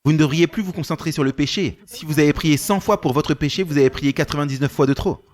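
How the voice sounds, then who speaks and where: A man's voice: a little high, fast. A male preacher telling a story in a sermon, acting out the dialogue with animation.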